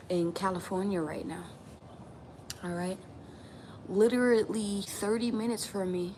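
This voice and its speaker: A woman from New Mexico speaking out in a casual vlog, emphatic and repetitive, swearing now and then. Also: medium pitch. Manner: emphatic, repeats lines, swears. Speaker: tarot channel vlogger. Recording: steady background ambience noise.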